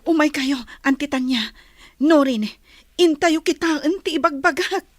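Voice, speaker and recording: A woman's voice: high voice, unhurried, no room sound, clean studio sound. A woman playing an earnest young friend with urgent news in an Ilocano radio drama, with a Filipino accent.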